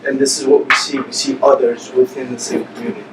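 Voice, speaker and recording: A man from Iran making a measured, thoughtful comment from the audience at a public talk. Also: medium pitch, level tone. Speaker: audience member. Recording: echoey hall from far off, noisy.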